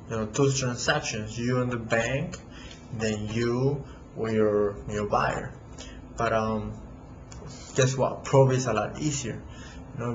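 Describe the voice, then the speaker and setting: A native Spanish speaker with a Latin American accent, this real estate investor vlogger gives a casual how-to talk at his home computer, halting with many fillers and restarts. His voice is mid-range, and the audio is dull and roomy with a noisy background.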